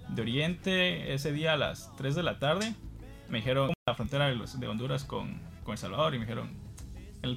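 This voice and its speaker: A man's voice: mid-range voice, creaky, a bit bright. A man from Guatemala, a guest on the program, telling a personal anecdote in a casual, self-deprecating way, laughing now and then.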